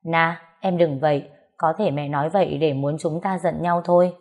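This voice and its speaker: A woman voicing an anxious young husband who softly begs his wife. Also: on the high side, fairly even intonation, moderate pace, close to an everyday voice. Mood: pleading. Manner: begging, soft and pleading.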